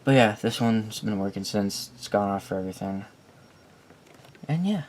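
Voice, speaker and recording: A man's voice: lowish voice, lively intonation, moderate pace. A man giving a casual, unscripted showcase of his collection, rambling, correcting himself and speaking bluntly. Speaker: collector presenting weather radios. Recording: clear background noise.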